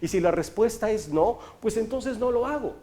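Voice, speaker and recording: A man's voice: high voice, moderate pace. A man giving a motivational talk as a coach, telling stories and asking rhetorical questions. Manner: storytelling, rhetorical questions, animated sound effects.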